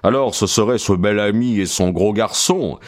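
A man's voice: fairly low pitch, moderate pace, natural voice. A man reading an audiobook, voicing a doubtful male police inspector who questions in a probing way.

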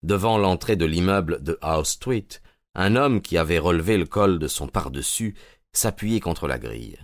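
Man with a really deep voice reading a story aloud, steady pace, dry close recording. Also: moderate pace, dry recording. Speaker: narrator. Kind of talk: scripted audiobook narration.

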